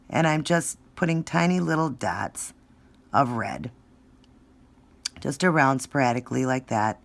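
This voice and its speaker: A woman giving a casual step-by-step craft tutorial, talking informally and thinking aloud as she works. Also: extremely low pitch. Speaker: nail art tutorial presenter. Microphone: phone. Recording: noisy home phone recording.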